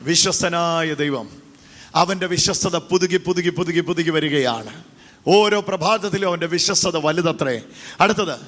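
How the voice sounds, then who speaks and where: A man's voice: fairly high pitch, a little slow, fairly bright tone. A man preaching a call-and-response sermon into a handheld mic, urging the congregation to repeat after him. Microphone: handheld microphone. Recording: echoey hall reverb.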